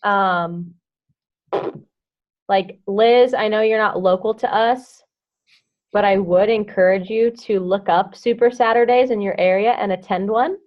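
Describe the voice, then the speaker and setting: A woman's voice: mid-range voice, steady tone, a little slow. A young woman coaching her team on a casual call. She talks in a loose, chatty way, full of "like" and "um", and hums little filler sounds between thoughts. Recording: dull lo-fi audio.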